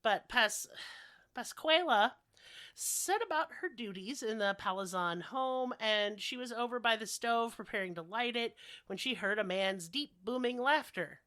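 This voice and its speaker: A woman with a slightly high, bright voice speaks a little slowly and expressively, with no echo. She's a podcast host casually telling comedic stories through profane, sardonic rants. She sounds a bit under the weather, sick with something like a cold.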